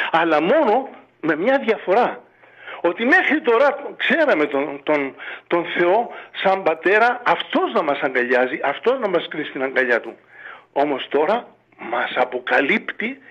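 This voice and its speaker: A man, a monk on a radio call-in, preaches in a fatherly, urging way and keeps asking rhetorical questions. His voice runs high and swings widely in pitch. The sound is dull and lo-fi, like old radio. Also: a bit bright. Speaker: monk giving a radio interview. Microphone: radio studio or phone line.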